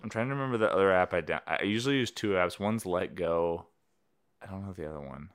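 A man's voice: sits low, fast, smooth. A man co-hosting a podcast, chatting casually with his wife in a dry, self-deprecating, rambling way. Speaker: podcast co-host.

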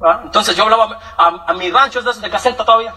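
A man with a very high, bright voice tells his life story at a fast clip. He is animated, slips into other people's voices and laughs a lot. The mic sits some way off, so he sounds a little distant. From Michoacán, Mexico. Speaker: testimony speaker. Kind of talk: personal testimonial storytelling.

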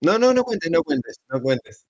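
A man's voice: on the high side, sing-song, measured pace, lo-fi sound. A man with a Rioplatense accent, co-hosting a podcast in joking, swearing banter. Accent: Rioplatense Spanish. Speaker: podcast co-host. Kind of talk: casual chat.

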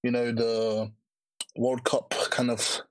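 A man's voice: mid-range voice, flat delivery, slow, no echo, low-quality recording. A man with an urban London roadman accent and slangy delivery, hosting a casual podcast chat. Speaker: podcast host.

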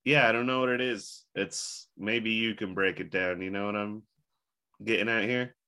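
A podcast host with a slightly low voice and a bright, forward tone talks in a loose, joking, rambling way. He is fighting a bad case of the hiccups as he chats. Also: fairly even intonation, moderate pace, smooth. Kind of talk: casual chat.

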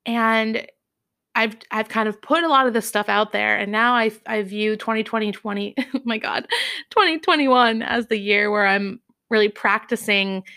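A woman's voice: fairly high pitch, moderate pace, bright, forceful tone, clean tone. A young adult woman hosting a reflective solo podcast from home, speaking candidly with frequent laughs and fillers. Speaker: podcast host. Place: home, studio apartment.

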